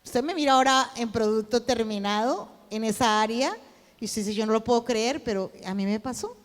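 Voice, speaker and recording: A woman preaching, telling a personal testimony and acting out the dialogue in it, at times rising to a shout. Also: on the high side, normal speed, in a large hall, faint music behind. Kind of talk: sermon testimony.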